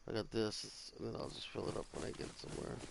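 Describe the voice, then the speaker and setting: A man's voice: on the low side, little pitch movement, fast, gravelly, background noise. A man talking casually through a survival game, sounding tired and rambling, with casual swearing. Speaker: gamer streaming survival gameplay. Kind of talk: casual gameplay commentary. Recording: loud game ambience of crickets and animals.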